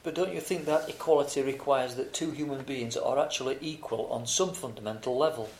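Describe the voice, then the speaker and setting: A man's voice: medium pitch, brisk, a little mellow, a little hiss or hum, lightly acted. A man playing an earnest, formal debater in a scripted, argumentative exam discussion. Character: earnest male debater arguing against animal rights. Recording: roomy, echoing sound.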